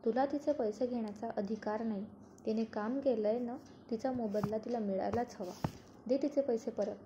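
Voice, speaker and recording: A woman's voice: on the high side, steady tone, normal speed, warm tone, close to an everyday voice. A woman voicing a stern, scolding middle-aged father in a spoken serial recap, in a slightly muffled recording. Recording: slightly muffled, faint noise.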